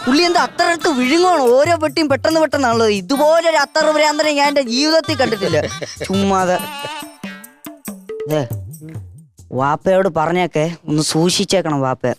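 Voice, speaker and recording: A woman's voice: sits high, fairly quick, music in the background. A woman in a comic sketch playing a perfume seller, with teasing hawker patter. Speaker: comedy sketch performer.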